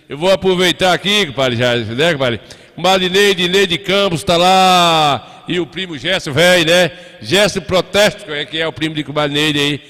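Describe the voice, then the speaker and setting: A man's voice: on the high side, sharp tone. A middle-aged man hosting a live show in a folksy, chatty way, calling his listeners compadre. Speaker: radio host. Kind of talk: casual live chat. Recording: echoey hall.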